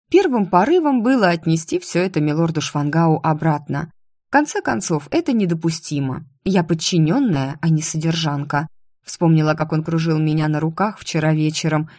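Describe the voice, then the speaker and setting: A woman narrating a first-person audiobook in a steady, expressive reading. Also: deep voice, no echo, studio quality.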